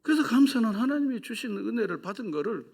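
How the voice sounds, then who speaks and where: A man's voice: very high voice, very animated, quick pace, husky. Emphatic preaching pastor, man. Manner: emphatic preaching, swings from loud exhortation to hushed whispers; asks the congregation questions and leads them in repeating phrases. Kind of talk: sermon. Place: church sanctuary.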